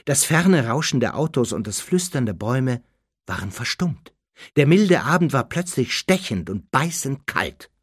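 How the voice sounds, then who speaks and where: A man narrates a story with dramatic, suspenseful delivery. His voice is husky and swings widely in pitch. The sound is close and dry. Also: sing-song, measured pace, dry recording. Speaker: audiobook narrator. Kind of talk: scripted narration.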